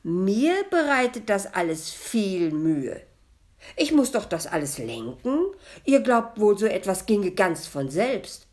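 A woman's voice: fairly low pitch, big pitch swings, slow, vocal fry, darkish tone, full character voice. A woman voicing the ghost of a young girl, whiny, touchy and plaintive, in a read-aloud story. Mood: offended.

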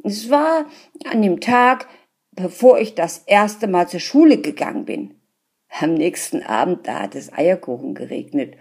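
A simple-minded peasant husband from a storybook tale, shouting high and loud with wide swings in pitch, as a woman puts him on. He is husky and tumbles over his words in his eagerness. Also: very slow, pauses often, exaggerated voice. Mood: indignant. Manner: loud, excited, stammering.

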